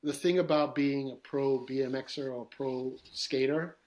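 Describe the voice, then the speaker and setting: A man's voice: medium pitch, unhurried. A man with a New York street accent, a guest artist talking in a casual podcast interview, rambling and swearing as he tells stories. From East New York, Brooklyn. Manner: profane, rambling, animated storytelling.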